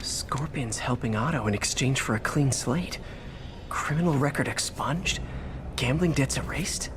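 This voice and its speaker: Man playing a lively, wry young superhero. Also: medium pitch, a little slow, noisy background, close to an everyday voice. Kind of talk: video game voice acting, wry commentary.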